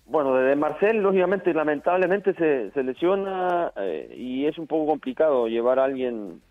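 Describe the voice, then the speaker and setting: A middle-aged man, a football coach, talks over a thin phone line that cuts the lows and highs. He hesitates often and repeats small words before going on. The sound is dry, with no room in it. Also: big pitch swings, normal speed, no echo. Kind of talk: phone interview. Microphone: phone call.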